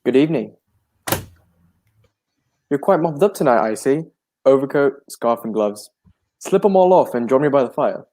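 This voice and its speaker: Man acting a mellow, genial Doctor Watson storyteller. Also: medium pitch, animated, normal speed, pauses often, natural voice. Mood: welcoming. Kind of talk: radio drama acting and narration in a 1940s manner.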